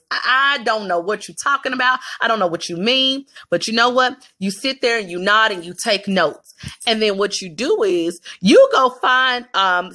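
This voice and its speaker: A woman's voice: on the high side, bright, forceful tone. A woman with a Southern US accent, giving candid, emphatic career advice straight to camera in a casual vlog.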